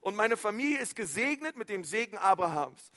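Man, pastor, fervent sermon, high pitch, repeated phrases, loud to hushed swings. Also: big pitch swings, fairly quick.

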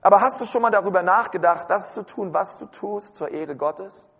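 A man preaching a lively sermon, talking straight to his congregation and often calling out to them. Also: sits high, moderate pace, slightly rough, long reverb tail. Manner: lively, direct, addresses the audience with "hey". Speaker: pastor. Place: church hall.

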